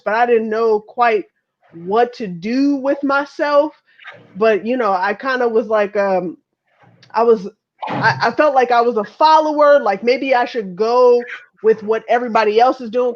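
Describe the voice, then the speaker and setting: A Chicago woman in her thirties with an American accent chats casually and reflects on personal matters, speaking frankly and swearing freely. Her voice runs on the high side at a moderate pace. The audio is dull and lo-fi.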